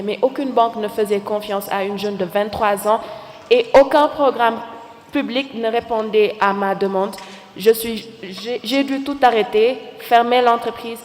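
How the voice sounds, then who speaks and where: A woman in her twenties with a Senegalese accent, giving an account as a panelist at a live event. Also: a little high. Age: 20s. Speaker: entrepreneur, panelist. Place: large conference hall stage. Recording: echoey hall sound over PA.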